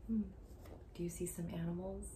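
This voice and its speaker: A lowish-voiced woman in her thirties reads a picture book aloud to young children in a slow, deliberate, sing-song way, full of expression. As a story reader and educator, she adds hushed asides and keeps asking the listener questions. She's recording at home in a small indoor room, and faint background noise can be heard.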